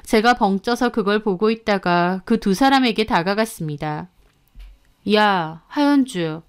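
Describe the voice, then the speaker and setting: A woman's voice: medium pitch, moderate pace, clear, resonant tone. A woman narrating a dramatic first-person story in a storytelling delivery.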